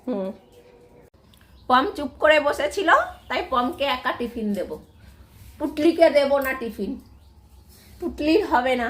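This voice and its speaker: A woman's voice: sits high, a little slow, long pauses. A woman with a Bengali accent, chatting casually while coaxing and scolding her pet dogs. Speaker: vlogger and dog owner. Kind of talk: casual talk to pets and viewers.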